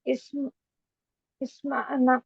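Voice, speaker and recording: A woman's voice: sits high, flat delivery, vocal fry, husky, no echo, phone-quality sound. A woman student in an online class, hesitantly sounding out answers word by word. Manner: hesitant, sounds words out slowly.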